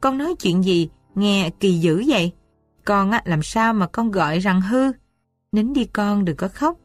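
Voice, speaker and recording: A gentle, worried mother of the house, as a woman narrator puts her on, coaxing softly at a mid pitch. It sounds dry and close, with faint music behind. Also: animated, measured pace, no echo, lightly acted.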